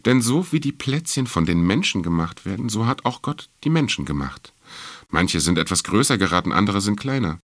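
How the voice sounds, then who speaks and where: A man voicing a wise, kind fox in a storybook reading, calm and gently explaining. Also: fairly low pitch, a little fast, no echo. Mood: gentle.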